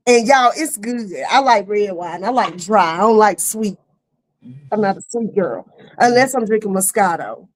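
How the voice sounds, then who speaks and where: A middle-aged woman hosting a casual online talk show, lively and laughing, with easy "y'all" talk. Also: mid-range voice, normal speed. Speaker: host. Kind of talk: casual chat. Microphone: streaming setup.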